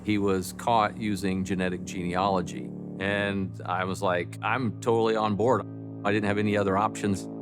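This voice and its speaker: A man speaking as a detective in a documentary interview, recounting case facts in deliberate, official phrasing. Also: low voice, flat delivery, over music.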